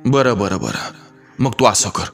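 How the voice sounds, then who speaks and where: A man's voice: fairly low pitch, very animated, a little slow, creaky, fairly bright tone, faint music behind, full character voice. A man voicing an angry rural father who scolds in rustic village dialect, within a storybook reading. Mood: scolding.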